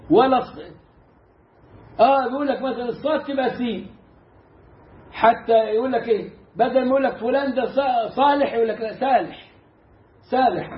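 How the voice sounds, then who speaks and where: High-voiced Egyptian man teaching recitation. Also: reverberant, muffled recording. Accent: Egyptian Arabic. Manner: animated, mimics mispronunciations and demonstrates slow recitation. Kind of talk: casual lesson.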